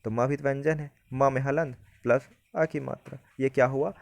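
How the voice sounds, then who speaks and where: A man teaching a Hindi grammar lesson, explaining step by step and often asking whether it is clear. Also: medium pitch, fairly even intonation, brisk, no room sound.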